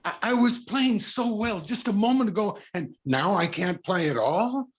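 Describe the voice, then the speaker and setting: A distraught concert pianist unravels in this 1940s-style radio play, voiced by a male actor whose animated delivery sits high. The performance is overwrought, full of stammers and halting breaks.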